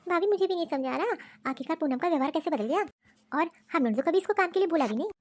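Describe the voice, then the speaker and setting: A woman plays a helpful, agreeable youngest daughter-in-law in a cartoon story. She asks puzzled questions in a high, quick voice. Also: animated, no echo.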